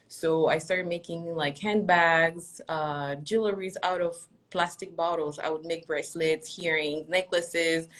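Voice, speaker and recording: A woman's voice: deep voice, a bit bright. A young woman from Congo, a native French speaker, chatting about her work as a guest over a video call, laughing often and using lots of fillers. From Democratic Republic of Congo. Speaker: fashion designer guest. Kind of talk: casual interview over a live stream.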